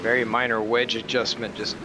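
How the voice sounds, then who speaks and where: A man's voice: mid-range voice, level tone, a little fast. A man in an online racing league, chatting over group voice chat and making easygoing, joking remarks to the other drivers. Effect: heard over group voice chat. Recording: noisy voice chat line.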